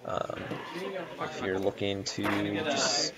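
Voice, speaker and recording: A man commentating a card game match in a steady announcer-style delivery. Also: fairly low pitch, takes it slowly. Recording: crowd chatter behind. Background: chattering crowd.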